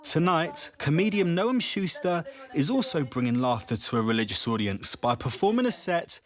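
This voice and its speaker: A man presenting a documentary feature, narrating a scripted report with an expressive storytelling delivery. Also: fairly high pitch, normal speed. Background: background music.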